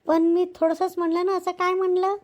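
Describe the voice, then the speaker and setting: Woman playing a touchy, high-voiced village housemaid. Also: steady tone, close to an everyday voice, rough recording. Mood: aggrieved. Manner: sharp, quick to snap, aggrieved. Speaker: actor in a village family drama. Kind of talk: village comedy-drama acting.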